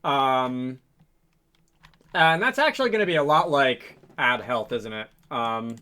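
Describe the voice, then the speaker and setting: His mid-range voice is pushed and bright, with lively intonation, and he takes things slowly; a little hiss or hum sits under the recording. The man, a game developer hosting programming videos, thinks aloud through an unscripted tutorial, rambling, hesitating and revising himself. Typing and mouse clicks carry on behind him.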